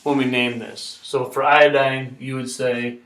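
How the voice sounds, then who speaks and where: A man's voice: mid-range voice, level tone, measured pace, fairly bright tone. A man teaching a chemistry lesson step by step, patient and repetitive, checking in with "okay?". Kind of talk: classroom lesson explanation. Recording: echoey room, mic far off.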